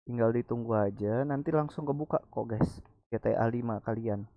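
Chatting his way through a screen-recorded tutorial, this presenter speaks with a colloquial Jakarta accent and doesn't roll his r's. His mid-range voice moves at a normal speed, with no room sound, through a muffled, lo-fi microphone.

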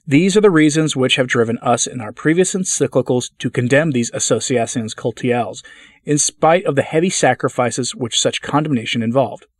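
A man reads a formal church letter aloud at a measured, deliberate pace, sometimes tripping on a word and starting it over. His voice sits at an ordinary middle pitch for a man. The recording is dry and close, with no room sound around it. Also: no room sound. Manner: measured, deliberate delivery with occasional stumbles and restarts. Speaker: channel host reading a papal letter aloud.

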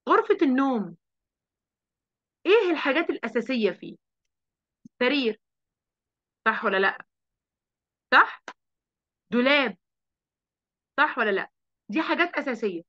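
High bright Egyptian woman teacher. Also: moderate pace, long pauses, dry recording. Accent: Egyptian Arabic. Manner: lively, coaxing, drills children with questions. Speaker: primary school teacher. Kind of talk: online class teaching. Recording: dull lo-fi online audio.

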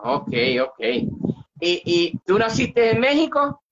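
An older man with a Puerto Rican accent hosting a casual interview over a video call, chatty and quick to laugh. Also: very high-pitched, very animated. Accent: Puerto Rican Spanish. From Puerto Rico. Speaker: show host. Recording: muffled video-call audio.

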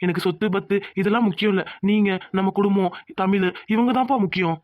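An earnest young son from a cartoon, as a man voices him, pleading hard with a high, quick voice. The sound is dry and dull, lo-fi. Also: noisy background, lightly acted. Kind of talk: cartoon dubbing. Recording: dull lo-fi audio.

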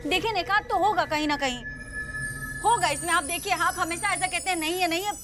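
A flustered young wife stammers and pleads in a high, eager voice. Her talk is anxious and insistent. Loud music runs under this TV drama scene. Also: a little fast. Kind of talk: TV drama acting.

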